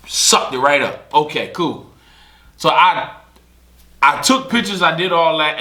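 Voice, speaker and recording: A young man, telling casual stories on a podcast and acting out other people's lines. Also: a little high. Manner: animated storyteller who acts out other people's lines. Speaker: podcast host. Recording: echoey room.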